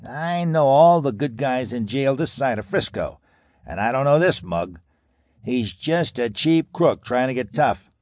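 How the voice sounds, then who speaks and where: A man voicing a raspy, impatient ex-mobster, talking in loud, sneering gangster slang in an audiobook. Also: medium pitch, big pitch swings, moderate pace, dry recording, clean studio sound, pitched above the performer's own voice. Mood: scornful. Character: impatient, arrogant ex-mobster man, tough talker. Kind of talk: audiobook character voice.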